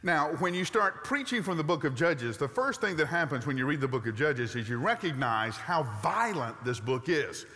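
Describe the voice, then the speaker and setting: A man in his sixties preaching a sermon from a church stage, animated and emphatic, with rhetorical questions and a Southern US accent. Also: fairly high pitch, moderate pace, hardly any pauses. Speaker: pastor. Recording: long reverb of a large sanctuary.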